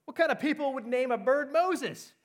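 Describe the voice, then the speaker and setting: Man putting on a startled burglar, high-pitched, loud, mocking. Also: huge pitch swings, very slow, full character voice. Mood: incredulous.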